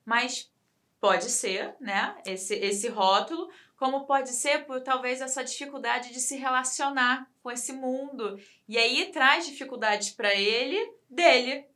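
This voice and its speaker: On a talk program, a woman with a Brazilian Portuguese accent discusses a case, reflecting and thinking aloud with pauses. Her voice sits high, and her tone is bright and forceful.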